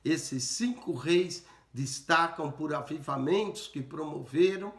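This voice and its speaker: A man with a somewhat high voice leads a Bible study, walking his listeners through the text in an explanatory way. He repeats key phrases and keeps checking in with short tag questions. The sound is roomy, with a clear echo around him. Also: takes it slowly. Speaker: pastor.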